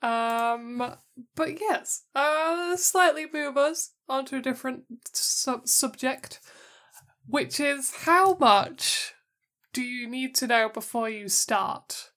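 A woman's voice: sits high, slow, fairly bright tone. A woman co-hosting a podcast, asking questions in a casual, friendly chat and reacting with short laughs. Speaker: podcast co-host.

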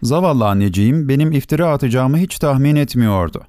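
Reading a scripted story for an audiobook, a medium-pitched man keeps his delivery measured and expressive. There's no room sound, just a clean studio recording.

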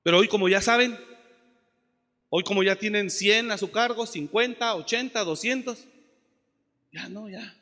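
High, bright-voiced preacher. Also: male voice, measured pace, pauses often, in a large hall. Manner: impassioned preaching, swings from shouts to soft asides. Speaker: pastor. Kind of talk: sermon.

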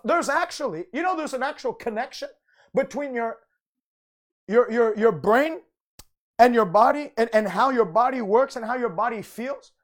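A man preaching a conversational broadcast sermon, speaking in fervent, emphatic declarations and often repeating or restarting his phrases. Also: extremely high pitch.

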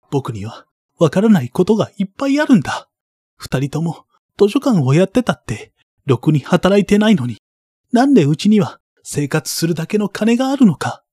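A man's voice: sits high, dark tone, husky, dry recording, clean studio sound, pitched above the performer's own voice, full character voice. A man voicing a distressed young boy who demands answers in a raised, pleading voice.

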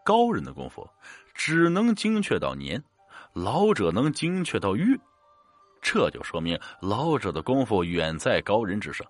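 A man narrating a ghost story in a relaxed, colloquial manner. His voice is husky, and his pitch rises and falls dramatically. The sound is dry and close to the mic. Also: dry recording, soft background music. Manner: colloquial storytelling with drawn-out particles.

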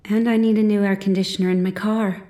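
A woman reading a flat, curt woman. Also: medium pitch, quick pace, close to an everyday voice. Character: blunt resentful woman on phone.

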